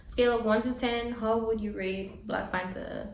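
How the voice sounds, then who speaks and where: A woman's voice: a little high, fairly even intonation, moderate pace, gravelly. A woman co-hosting a casual movie review chat, leading the talk and asking her co-host questions. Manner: leads the talk, asks questions. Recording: echoey room.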